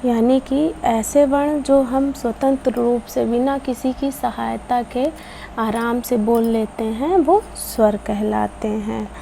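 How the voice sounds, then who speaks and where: Woman teacher, children's lesson, slow and repetitive, mellow voice, faint hiss behind. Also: fairly high pitch, gravelly. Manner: slow, patient explaining with repetition; addresses children. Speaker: Hindi teacher.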